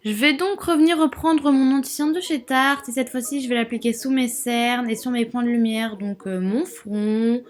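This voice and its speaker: A young woman with a slightly high voice talks through a makeup tutorial in a loose, chatty way, full of fillers and little asides. Faint music plays underneath her voice. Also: moderate pace, few pauses. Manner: casual, rambling, lots of fillers and asides. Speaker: beauty vlogger.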